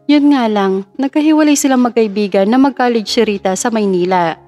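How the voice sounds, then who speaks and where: A woman narrating a dramatic story in a steady, emotive reading. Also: fairly high pitch, a little fast, muffled recording. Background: faint background music.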